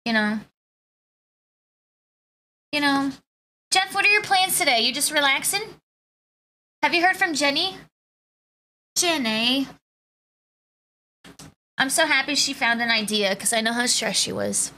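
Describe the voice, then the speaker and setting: A woman live streamer chats casually with her viewers in a bubbly way, greeting each by turn. Her voice sits high and sounds bright. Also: lively intonation, moderate pace, long pauses, a little hiss or hum. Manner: bubbly, greets viewers one by one, laughs often.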